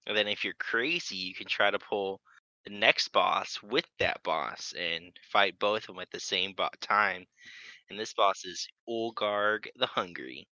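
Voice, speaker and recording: A man's voice: lowish voice, measured pace, bright, forceful tone, no echo, lo-fi sound. A man co-hosting a gaming podcast, talking in a laid-back, matter-of-fact way. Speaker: podcast co-host. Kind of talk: casual gaming podcast chat.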